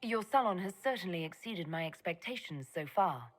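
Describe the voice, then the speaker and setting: An actress playing a sharp elf mage who leads an army in a video game, questioning others in a direct, dry way over music. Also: female voice, fairly low pitch, animated, normal speed. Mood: dry, skeptical. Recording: music under the dialogue.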